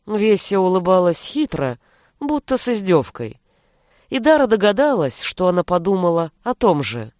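A woman narrating a fantasy audiobook in an even storytelling voice. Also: on the low side, normal speed, no room sound, studio quality.

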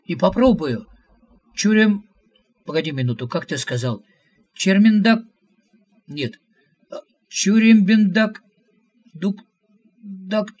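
A man's voice: on the high side, lively intonation, moderate pace, pauses often, breathy edge. Shambambukli, an indignant demiurge voiced by a man. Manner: raised, protesting, flustered. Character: exasperated male demiurge, earnest and indignant.

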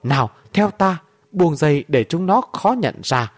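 A man reading a story aloud, voicing a fierce, bitter old woman warrior who barks orders gruffly. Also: a little high, expressive, unhurried, dry recording. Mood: gruff commanding. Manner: gruff, bossy, barking orders.

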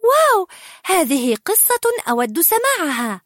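A woman voicing an eager, excited young princess in a storybook, pleading and curious. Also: extremely high pitch, unhurried, no echo, studio quality, voice pushed up, full character voice.

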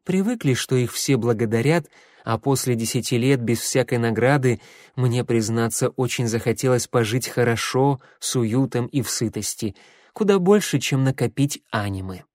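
A man voicing a calm, quietly bitter young wizard in an audiobook. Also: mid-range voice, normal speed, no echo, clean studio sound, natural voice. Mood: wry. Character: bitter, self-pitying young male wizard. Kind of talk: audiobook character voice.

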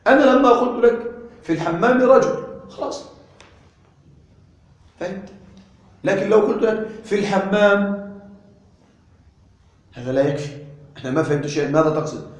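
A man with a fairly high voice gives a grammar lesson, his words ringing through a very echoey room. He talks in a lively, animated way and keeps turning to the class with questions to check that they follow. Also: fast, long pauses. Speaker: Arabic grammar teacher. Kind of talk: classroom lecture.

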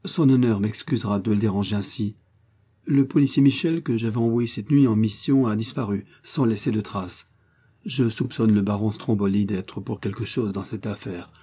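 A man's voice: on the low side, moderate pace, warm tone, husky. A man voicing a resentful, grumbling police chief who answers his superior deferentially in a storybook reading.

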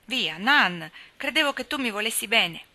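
A woman's voice: a little high, big pitch swings, fast talker, bright, forceful tone, voice pushed up, full character voice. A woman reading aloud, voicing a jealous little boy who scolds his sweetheart in a storybook. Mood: reproachful.

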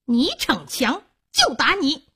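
A woman storyteller voicing a cruel, domineering stepmother who scolds harshly and with contempt, in a husky voice. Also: high-pitched, wildly swooping pitch, slow pace, pushed and bright, pitched above the performer's own voice, exaggerated voice. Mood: scolding.

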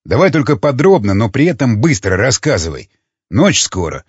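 Man reading a stern leader firing questions, husky, dry dull sound. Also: medium pitch, very animated, moderate pace, no room sound. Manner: curt, demanding. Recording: dull lo-fi recording.

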